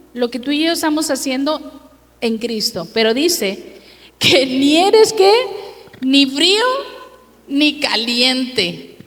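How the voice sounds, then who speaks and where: High-pitched woman preaching in a reverberant hall. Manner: emphatic, keeps asking the congregation questions; slow, drawn-out reading of scripture verses. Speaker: pastor. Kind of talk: sermon. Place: church sanctuary.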